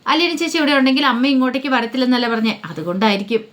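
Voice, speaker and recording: A woman voicing a calm young woman in a spoken serial story, reasoning things out as she explains. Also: high-pitched, rapid-fire. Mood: thoughtful.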